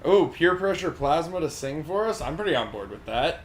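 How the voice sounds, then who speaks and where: A man with a somewhat high voice, chatting casually as co-host of a group livestream. He jokes around and laughs a lot. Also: very animated, fairly quick, crowd noise. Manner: joking, laughs often.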